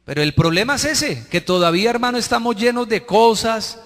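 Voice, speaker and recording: A Colombian man preaching as pastor, animated, quizzing the congregation to finish his sentences and acting out people in mocking voices. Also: very high voice, a little fast, long reverb tail. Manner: acts out worshippers and quarrelling couples in mocking voices. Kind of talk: sermon.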